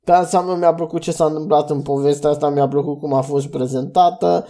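A man's voice: fairly high pitch, steady tone, warm tone. A young man hosting a solo podcast, reviewing cartoon episodes in a loose, rambling way with restarts and fillers. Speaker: podcast host.

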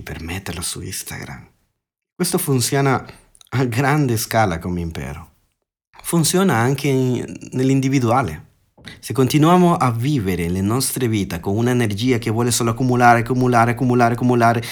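A man giving a podcast sermon, earnest, asking rhetorical questions and often restarting words mid-phrase. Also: mid-range voice. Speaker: preacher.

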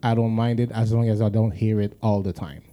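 A man's voice: fairly low pitch, steady tone, moderate pace, mellow. A man giving his view in a casual discussion, mixing French and English.

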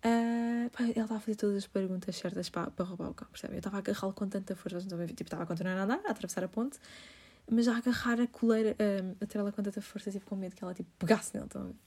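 A woman's voice: medium pitch, very fast, dark tone, breathy edge. A young woman, telling a story to her viewers in a chatty way, full of fillers and laughter. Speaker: vlogger.

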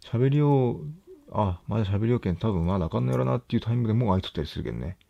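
A young man, quietly mumbling to himself at home late at night, nervous and hesitant. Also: lowish voice, very animated, very fast, creaky, no echo, lo-fi sound. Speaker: vlogger.

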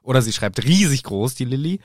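Lively German man chatting casually. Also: medium pitch, brisk, no echo, clean studio sound. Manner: animated, jokey. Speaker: podcast co-host. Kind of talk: casual chat retelling a book.

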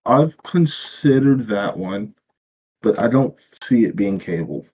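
A man co-hosting a casual podcast, calm and measured, agreeing and weighing in. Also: on the low side, slightly rough. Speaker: podcast co-host. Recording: dull lo-fi mic.

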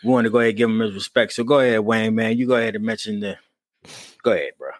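A man's voice: on the low side, racing, no room sound, clean studio sound. Laughing, profane podcast co-host man. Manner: laughs often, loose and profane. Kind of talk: casual chat.

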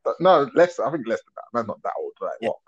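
A man's voice: mid-range voice, very animated, quick pace, slight background noise. London roadman podcast host, dull audio. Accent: London roadman, urban slang. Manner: slangy, matey London roadman talk. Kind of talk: casual chat. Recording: dull, band-limited voice call audio.

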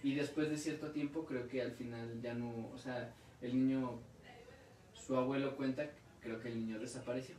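A man's voice: medium pitch, steady tone, moderate pace, darkish tone, recorded from a distance, a little hiss or hum. A young Mexican man chatting casually, swearing freely and retelling stories with restarts. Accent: Mexican Spanish. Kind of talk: casual chat. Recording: echoey room, voice from off-mic.

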